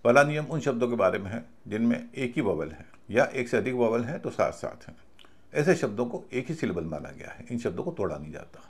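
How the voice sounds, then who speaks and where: A man teaching a video class, slow and patient, stopping to spell out each word letter by letter. His voice is gravelly and rises and falls a lot. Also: medium pitch, sing-song. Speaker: English pronunciation teacher.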